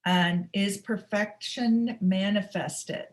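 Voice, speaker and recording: A middle-aged woman speaks softly and without a script as the host of a spiritual webinar. She often stops and restarts her sentences, and she fills the gaps with "um". Her voice sits at a middle pitch for a woman. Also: fairly even intonation. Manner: soft, halting, with many fillers and restarts. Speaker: spiritual teacher hosting a webinar. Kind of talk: unscripted teaching talk. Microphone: webinar microphone.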